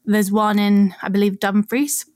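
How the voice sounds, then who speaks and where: A woman's voice: medium pitch, little pitch movement, unhurried, darkish tone, dry recording. Chatty woman explaining, dry close sound. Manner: explanatory, chatty, laughs often. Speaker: podcast co-host explaining archaeology. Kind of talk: casual chat.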